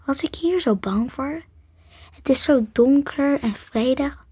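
A woman voicing a nervous young girl's inner thoughts in a storybook reading, softly whispered. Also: high voice, takes it slowly, dry recording, pitched above the performer's own voice. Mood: wondering. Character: nervous young girl, thinking to herself.

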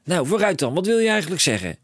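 Storybook dad voiced by a man: high, yelling, manic, lively swings, dry close sound. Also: quick pace, no echo, heavily acted. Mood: overexcited. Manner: shouting, breathless overexcited rants. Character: excitable bellowing middle-aged father, inventor-mad. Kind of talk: audiobook character voice.

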